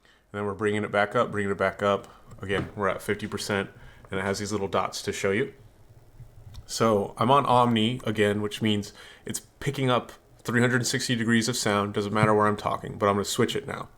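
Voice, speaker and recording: A man's voice: lowish voice, little pitch movement, brisk, a bit bright. Chatty, blunt male tech reviewer. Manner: candid, chatty, blunt opinions. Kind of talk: casual product review. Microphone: desktop USB condenser microphone.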